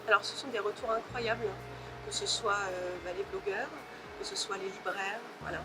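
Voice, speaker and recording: A woman novelist answering interview questions in a thoughtful way, pausing often to search for her words. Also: medium pitch, fairly even intonation, loud music behind the voice.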